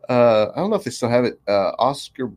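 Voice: medium pitch, animated, a little fast, a little mellow. A podcast co-host chatting over beers, laughing often and echoing the other host's words. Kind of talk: casual chat over beers.

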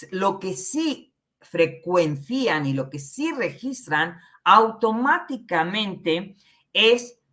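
A woman giving a spiritual talk, slow and emphatic, often checking in with a tag question. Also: lowish voice, a bit bright. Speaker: spiritual teacher. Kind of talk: spiritual talk to an online audience.

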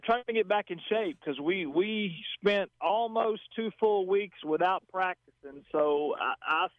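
A man's voice: high-pitched, no echo. American male coach on a tinny phone line. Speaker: high school football coach. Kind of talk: casual phone interview.

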